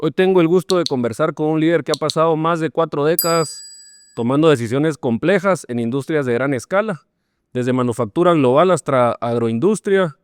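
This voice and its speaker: A man hosting a podcast interview, asking friendly, relaxed questions. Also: medium pitch, clear, resonant tone, no room sound, clean studio sound. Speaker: podcast host.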